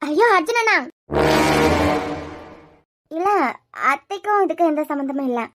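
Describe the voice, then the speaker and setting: A woman's voice: extremely high pitch, expressive, normal speed, a bit bright. A woman with a Kanyakumari Tamil accent voicing an earnest young woman who pleads and explains to defend her aunt in a cartoon serial. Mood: pleading.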